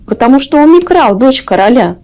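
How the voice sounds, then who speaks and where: A woman's voice: sits high, very animated, fairly quick, mellow. A woman voicing a fretful, blustering king in a bedtime storybook reading. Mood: relieved.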